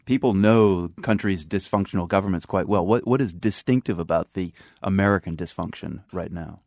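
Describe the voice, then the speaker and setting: A man hosting a radio interview, asking conversational, curious questions with some halting starts. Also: deep voice, darkish tone, no echo, studio quality.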